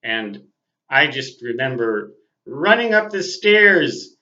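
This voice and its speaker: An American man in his sixties reminiscing casually as a host, speaking in a deliberate, precise way. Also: medium pitch, big pitch swings, bright, forceful tone. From Minnesota, United States. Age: 60s. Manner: deliberate, precise, spells out terms phonetically. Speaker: host, amateur radio operator. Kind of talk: casual reminiscing monologue to viewers. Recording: dull, lo-fi sound.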